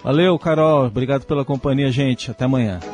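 A man with a Brazilian accent presenting radio news, brisk and chatty in his asides. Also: medium pitch, over loud music. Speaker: news anchor.

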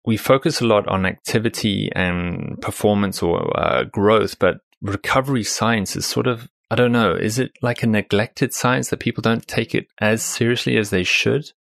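A man hosting a podcast, introducing a guest and asking questions in a casual, halting way with restarts. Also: on the low side, gravelly, a bit bright, no room sound, clean studio sound. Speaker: podcast host. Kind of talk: podcast interview.

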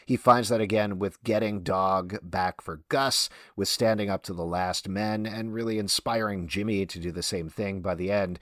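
A man's voice: fairly low pitch, steady tone, normal speed, few pauses, a bit bright, no echo, studio quality. A man co-hosting a podcast in casual discussion. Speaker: podcast co-host.

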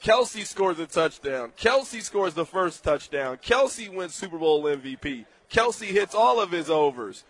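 Young guy hosting a sports betting show, kinda high voice, emphatic and playful. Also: very animated, a little slow, few pauses, a bit bright, no room sound. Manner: emphatic, playful, riffing on hypotheticals. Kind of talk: animated sports talk.

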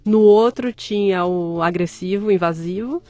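A woman's voice: medium pitch, measured pace, dry recording, dull audio. A woman, telling her story as an interview guest, candid and joking, acting out the voices of people she quotes. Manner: candid, animated, joking, acts out quoted speech. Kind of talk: conversational storytelling.

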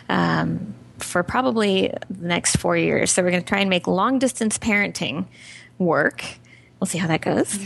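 A woman guest on a podcast, easygoing and a little halting, filling her pauses with ums. Her voice sits at a middle pitch with a gravelly fry at its edges. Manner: relaxed, many ums, light laughter. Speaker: interview guest. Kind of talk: casual interview chat.

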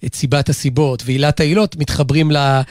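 A man's voice: fairly high pitch, steady tone, a little mellow, no room sound, studio quality. A man with an Israeli accent co-hosting a talk show in casual, bantering conversation.

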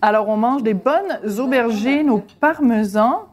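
A woman's voice: on the high side, lively intonation, measured pace, music in the background. A woman hosting a dinner chat, serving food and joking with her guests. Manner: cheerful, playful hosting. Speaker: host. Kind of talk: casual dinner-table chat.

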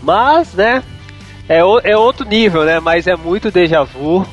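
Slangy Brazilian man, higher-pitched, lo-fi. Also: unhurried. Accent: Brazilian Portuguese. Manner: slangy, informal. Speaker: sports talk co-host. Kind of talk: casual chat about American football. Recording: dull, lo-fi audio over music. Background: music.

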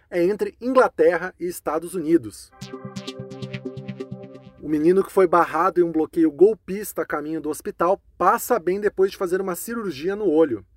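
A Brazilian man presenting a scripted news roundup in a clear, conversational newsreading manner. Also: high-pitched, no echo, clean studio sound.

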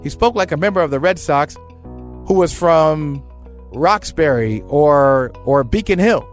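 A man's voice: fairly high pitch, expressive, a little slow, soft background music. A man in an interview, speaking earnestly and with emphasis. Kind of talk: reflective interview.

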